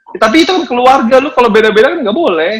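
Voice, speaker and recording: A man's voice: extremely high pitch, animated, rapid-fire, over a noisy crowd. A man with a colloquial Jakarta Indonesian accent in teasing, casual banter.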